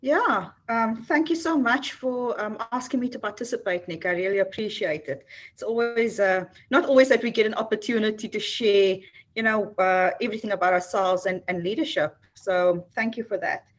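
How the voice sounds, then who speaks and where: A woman's voice: medium pitch, normal speed. A South African woman, an HR executive, answering interview questions earnestly with frequent ums and restarts. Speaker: HR executive, guest.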